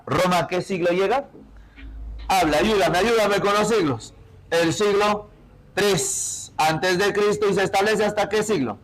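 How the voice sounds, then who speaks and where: A male teacher with a Peruvian accent leading an interactive lesson, firing quick questions at his students and pushing them to answer. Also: fairly high pitch, poor audio. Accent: Peruvian Spanish.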